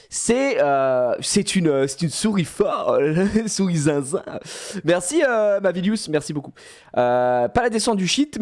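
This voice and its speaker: A man's voice: fairly high pitch, a little mellow. A man in his thirties, rambling through a casual live-stream story with many fillers and restarts. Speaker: streamer recounting a theme park outing.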